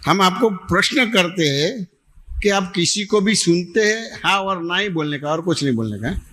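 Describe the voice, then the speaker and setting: A man's voice: high voice, lively intonation, normal speed, pushed and bright. Patient man teaching at a satsang. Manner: patient, repetitive, keeps checking understanding. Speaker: spiritual teacher. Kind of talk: satsang question-and-answer teaching. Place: devotional gathering hall in Ahmedabad.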